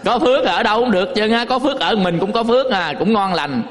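A man's voice: high-pitched, expressive, fast talker. A man, a Buddhist monk, giving a folksy dharma talk full of rhetorical questions to his listeners. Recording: long hall reverb.

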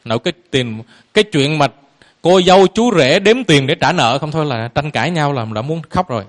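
A man's voice: fairly high pitch, animated, a little fast. A man giving a Buddhist dharma talk to a lay audience as their teacher, throwing out rhetorical questions and chuckling playfully.

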